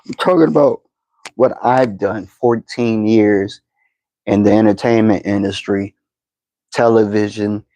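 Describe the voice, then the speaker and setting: A man in his fifties, a podcast host giving slow, deliberate motivational advice, with frequent fillers and repeated words. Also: on the low side, steady tone, dark tone, poor audio. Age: 50s. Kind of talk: motivational talk to camera.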